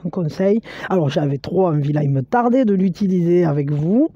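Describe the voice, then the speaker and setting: A woman giving a spiritual tarot card reading, speaking straight to the viewer in an encouraging, halting way full of fillers and restarts. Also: fairly low pitch, lively intonation, warm tone, breathy edge, no echo, lo-fi sound.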